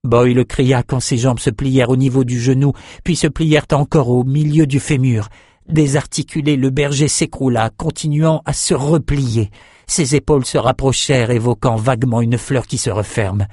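Man reading a dark fantasy audiobook. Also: medium pitch, steady tone, normal speed, dry recording, studio quality. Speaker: audiobook narrator. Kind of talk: scripted narration of a dark fantasy novel.

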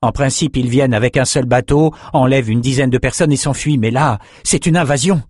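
A man's voice: mid-range voice, brisk, a little mellow, no room sound, studio quality, close to an everyday voice. A man voicing an older former fisherman in an audiobook, explaining things plainly in a raised voice. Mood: grim.

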